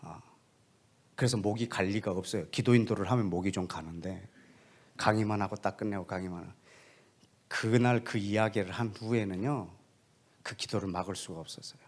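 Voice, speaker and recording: A male missionary preacher telling a story in a sermon, putting questions straight to the congregation and often dropping into a soft, hushed voice. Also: lowish voice, brisk, pauses often. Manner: addresses the congregation directly with questions.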